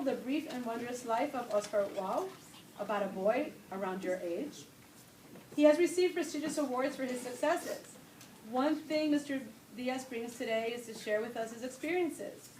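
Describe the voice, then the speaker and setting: A woman introduces a guest speaker in a formal, read-from-notes way, moving between languages. Her voice is high. She is recorded from a distance in an echoey hall with faint noise behind her. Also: darkish tone.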